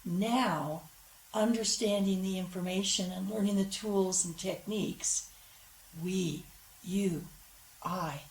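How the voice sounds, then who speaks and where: A woman co-presenting a guided imagery program, speaking in a measured, earnest way. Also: medium pitch. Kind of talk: calm measured explanation. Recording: roomy with faint background noise.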